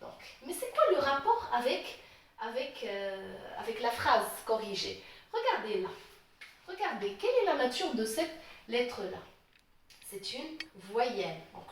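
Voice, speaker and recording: A woman teaching a French grammar lesson, explaining slowly, repeating herself and often checking that the class follows. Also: on the high side. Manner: slow, repetitive explaining, checks understanding often. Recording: echoey, distant, faint noise.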